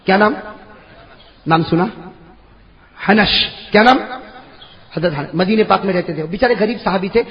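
A man preaching a storytelling sermon, repeating phrases, quizzing the audience and rising to shouts. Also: high-pitched, long pauses, dull audio. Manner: repetitive, fires questions at the audience, swings into shouting. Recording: long hall reverb.

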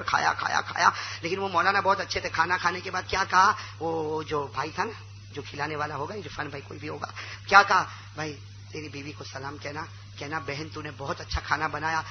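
A man, a religious speaker, telling humorous stories in a sermon and prompting his audience to answer back. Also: high-pitched. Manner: animated, calls for audience replies. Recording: muffled lo-fi recording with hum.

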